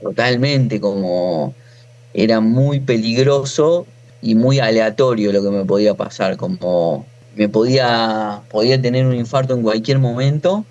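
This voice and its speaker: In a muffled recording, an Argentine man in his forties with a Buenos Aires accent tells his own story informally, frequently stopping and rephrasing. He's a natural farmer appearing as an interview guest, and his voice is on the low side, unhurried and a little mellow.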